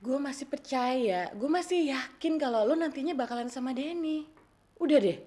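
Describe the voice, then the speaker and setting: An actress playing an insistent, persuasive friend and co-schemer in a TV soap drama. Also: female voice, high voice, expressive, moderate pace, warm tone. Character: insistent, reassuring female confidante in a scheme. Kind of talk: Indonesian TV soap drama acting.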